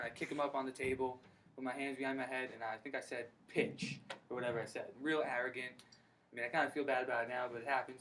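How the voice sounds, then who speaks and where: Energetic young man giving a testimony. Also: mid-range voice. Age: young adult. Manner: energetic, slangy, storytelling. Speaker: speaker at a recruiting meeting. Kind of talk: motivational personal testimony. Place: room at a college meeting. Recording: distant mic, faint background noise.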